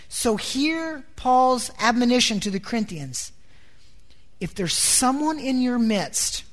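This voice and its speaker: Emphatic woman preacher, high voice. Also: a bit bright. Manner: emphatic, with rhetorical questions to the congregation; repeats words when building a point. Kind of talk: sermon.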